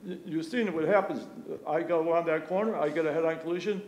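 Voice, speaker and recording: A man's voice: fairly high pitch, fast, a little mellow, slight background noise. A man speaking during public comment at a town meeting, pressing his complaint with repeated rhetorical questions. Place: town police commission meeting room.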